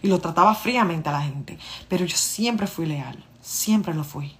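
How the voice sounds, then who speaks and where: A woman's voice: fairly low pitch, expressive, unhurried. A woman, telling her own story in a casual monologue. She speaks to her listeners directly and acts out the dialogue. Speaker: vlogger.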